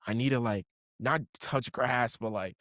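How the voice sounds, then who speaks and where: A young man co-hosting a podcast, talking in loose slang and telling animated stories with frequent laughs. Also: medium pitch, a little slow, dry recording, clean studio sound. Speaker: podcast co-host. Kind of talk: casual chat.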